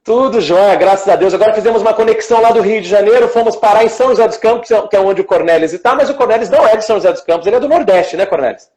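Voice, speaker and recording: A man with a high-pitched, darkish-toned voice hosts a casual online interview chat at a racing pace with hardly any pauses. As a live show host, he is effusive and colloquial, addressing his guest and viewers informally and conversationally.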